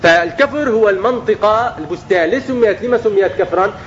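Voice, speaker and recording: A man's voice: high-pitched, fast talker, dull audio, slight background noise. A man preaching a religious lesson to young people, often asking questions and answering them himself. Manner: acts out everyday speech in quotes.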